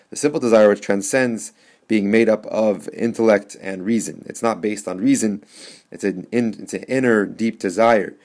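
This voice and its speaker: Male rabbi, lower voice, teaching a text on his podcast, reads then explains, circles back over phrases. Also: a little mellow. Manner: reads passages aloud then explains them, often repeating and restarting phrases.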